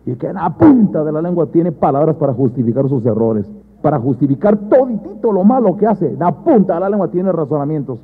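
Husky high-voiced pastor preaching. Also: male voice, very animated, a little fast. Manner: swings from loud emphatic bursts to low quiet asides; keeps addressing the church as brothers. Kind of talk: sermon. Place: church. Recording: thin phone-like sound.

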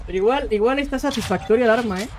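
Slangy rambling streamer. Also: male voice, very high-pitched, rapid-fire, a little hiss or hum. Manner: rambling, slangy, stumbles and repeats words. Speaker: game streamer. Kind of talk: casual live-stream chat. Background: game music.

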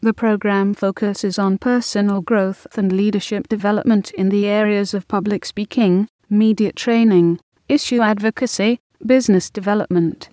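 A woman narrating an informational text in an even, steady reading voice. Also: medium pitch, normal speed, hardly any pauses, no room sound, clean studio sound. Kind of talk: scripted narration of an encyclopedia-style text.

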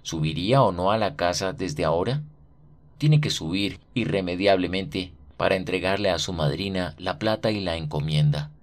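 A man narrating a short story for radio in a dramatic, expressive reading. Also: low voice, moderate pace.

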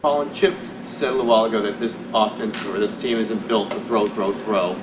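A man's voice: lowish voice, fairly even intonation, a little fast, roomy sound, far from the mic, background noise. A male reporter asking questions at a press conference, stumbling and restarting his phrasing. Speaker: sports reporter. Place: indoor press room.

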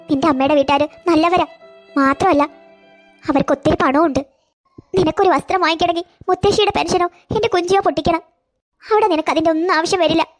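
A woman voicing a tender, self-sacrificing grandmother in a cartoon, gentle and coaxing. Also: very high voice. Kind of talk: cartoon voice acting.

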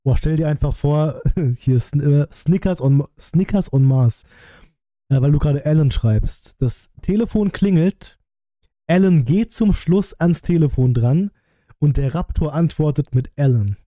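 Reacting to a film review on a live stream, this man speaks to his audience in a very mellow, easy voice that sits a little high, at a measured pace. The close desk mic and headset in his small streaming room pick up no echo, so the sound is dry.

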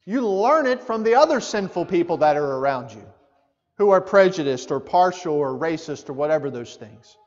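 Male preacher, high-pitched, chatty sermon delivery; dull recording in an echoing sanctuary. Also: sing-song, normal speed, a little mellow. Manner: conversational, asks the congregation direct questions. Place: church sanctuary. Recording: muffled church hall with long reverb.

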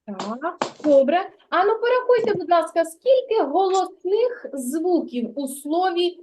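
High-voiced teacher coaching small kids. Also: female voice, big pitch swings, a little mellow, a little hiss or hum. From Ukraine. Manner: slow, clear, sounding out letters for small children. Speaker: kindergarten teacher. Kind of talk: literacy lesson for preschool children. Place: kindergarten classroom.

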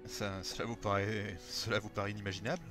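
A man's voice: fairly low pitch, little pitch movement, quick pace. A man doing a let's play, reading game dialogue choices aloud. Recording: game music behind the voice.

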